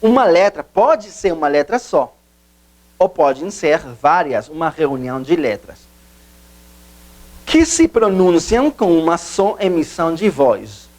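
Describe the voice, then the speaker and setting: A man giving a video language lesson, explaining slowly, repeating himself, and stressing key points. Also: on the high side, very animated, darkish tone. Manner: slow, repetitive, emphatic teacher's explanations. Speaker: Portuguese teacher.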